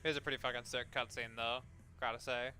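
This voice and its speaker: Bright, sardonic man doing game commentary. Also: mid-range voice, flat delivery, a little fast, soft background music. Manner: sardonic, sweary. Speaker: let's play host. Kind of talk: casual game commentary and reading game text aloud.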